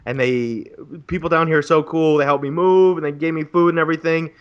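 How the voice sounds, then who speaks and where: A man's voice: fairly high pitch, fairly even intonation, fairly quick, clean tone, muffled recording. A man in his twenties, a graduate student, on a casual podcast, ranting profanely and with exasperation about bureaucracy. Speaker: podcast co-host.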